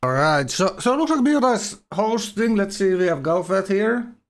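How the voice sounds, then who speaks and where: Male esports stream host, voice a bit high, casual and halting, slightly awkward articulation from a numbed jaw. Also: expressive. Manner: loose, rambling, halting delivery. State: numb mouth after dental anesthesia, slightly awkward, slurred speech. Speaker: live stream host and game tournament commentator.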